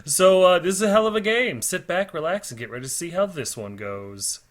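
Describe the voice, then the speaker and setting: A man hosting a tabletop wargame battle report series narrates a game in a chatty, informal, self-deprecating way. His voice sits high and is expressive and brisk. He's recorded on a built-in laptop or monitor microphone that sounds slightly distorted.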